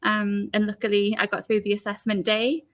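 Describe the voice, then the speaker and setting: A woman's voice: mid-range voice, monotone, moderate pace. A young woman with a Geordie accent, co-hosting a live online recruitment Q&A in a chatty, friendly way with frequent laughs. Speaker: service support rep and co-host. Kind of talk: live Q&A chat.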